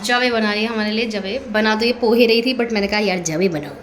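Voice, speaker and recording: A woman's voice: mid-range voice, fairly quick. A young adult woman chatting and telling stories in a casual family vlog at home, laughing often. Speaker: vlogger. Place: home, indoors. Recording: echoey room with background noise.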